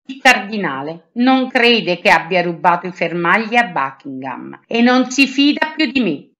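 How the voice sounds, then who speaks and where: A woman voicing a scheming, proud English noblewoman, sweet on the surface and shrill when angry. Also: big pitch swings, a little slow, a bit bright, muffled recording. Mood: hateful.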